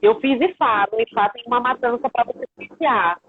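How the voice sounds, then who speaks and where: A woman's voice: a little high, fairly quick, breathy edge. A Brazilian woman hosting a live conversation, talking in an earnest, chatty way and quoting her family. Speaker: host, spiritual house leader. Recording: tinny phone-like line.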